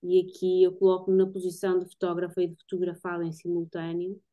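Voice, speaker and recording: Talking from a combined bedroom and living room at home, this guest photographer and artist, a thirtysomething woman with a European Portuguese accent, thoughtfully describes her work and gropes for words. Her lowish voice is mellow, monotone, and fast. The sound comes through a computer mic on a video call and is dull and lo-fi.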